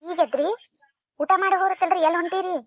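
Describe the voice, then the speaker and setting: A woman's voice: extremely high pitch, steady tone, fast talker, dry recording. Woman voicing a pleading young wife. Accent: North Karnataka Kannada. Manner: pleading, soft-spoken. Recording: dry, dull lo-fi sound.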